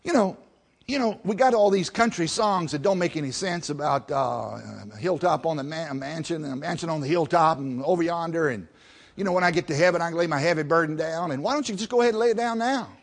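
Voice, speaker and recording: A man preaching a sermon in a folksy way, building to loud emphatic peaks and falling back soft. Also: fairly high pitch, brisk.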